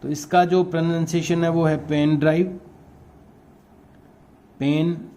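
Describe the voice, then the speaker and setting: A man's voice: a little high, level tone, moderate pace, dark tone. A male teacher with a Rajasthani Hindi accent, giving a classroom lesson to young pupils, patiently explaining and spelling words out letter by letter. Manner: explains patiently and repeats terms.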